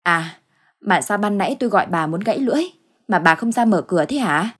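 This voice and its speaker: A woman voicing a frightened elderly village husband in a ghost story, with a husky voice and an anxious, pleading way of talking. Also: mid-range voice, animated, brisk, fairly bright tone. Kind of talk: storybook ghost tale acting.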